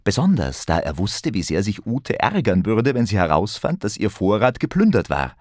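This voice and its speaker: A man with a very deep voice reads a children's story aloud in a lively, expressive way, his pitch rising and falling widely. The sound is close and completely dry, with no room around it. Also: moderate pace, no echo. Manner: expressive storytelling, acting out characters. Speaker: narrator. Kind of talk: scripted narration of a children's story.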